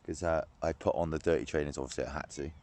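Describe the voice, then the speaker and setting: A man's voice: very deep voice, fairly even intonation, fast, a little mellow. A young man vlogging to a camera on a tripod while fishing outdoors by a lake. He chats casually, swears and laughs often.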